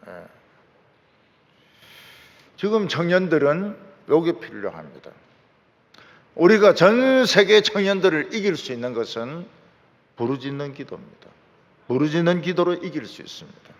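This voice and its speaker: Man, pastor, gravelly high voice, lively swooping delivery, fervent sermon, long church-hall reverb. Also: normal speed, pauses often, highs cut off. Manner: fervent preaching, shouting out lines. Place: large church sanctuary.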